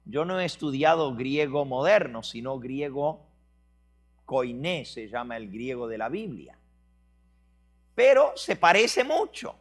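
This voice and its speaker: A man preaching a sermon, explaining word meanings slowly and telling a story with acted dialogue. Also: mid-range voice, expressive.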